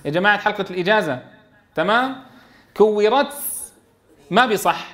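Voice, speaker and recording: A man teaching Quran recitation to a class, quizzing students and sounding out letters slowly. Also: high voice, animated. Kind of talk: classroom tajweed lesson.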